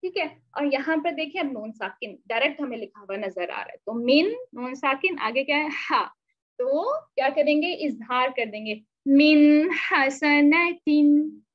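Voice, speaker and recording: Female recitation teacher, high-pitched, question-and-answer teaching style, dull low-fidelity recording. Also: expressive, normal speed. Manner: asks the class questions and answers them herself; mixes in English words. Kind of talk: online tajweed lesson.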